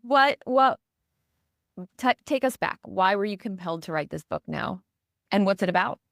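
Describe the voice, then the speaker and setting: A woman's voice: mid-range voice, lively intonation, moderate pace, gravelly, a bit bright, dry recording, studio quality. A woman in her forties hosting a podcast, interviewing in an affirming, conversational way. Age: 40s. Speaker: podcast host. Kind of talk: casual interview.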